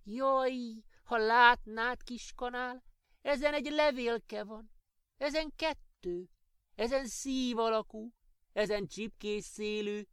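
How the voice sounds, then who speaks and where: Man putting on a tiny clock gnome, high squeaky voice, excitable, fussing, storybook character, dry close sound. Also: clear, resonant tone, no room sound. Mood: excited.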